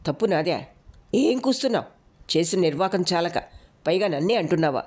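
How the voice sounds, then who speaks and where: A woman's voice: lowish voice, lively intonation, fairly quick, a little mellow. A woman narrator voicing an angry, jealous husband who speaks harshly and scolds his wife. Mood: scornful.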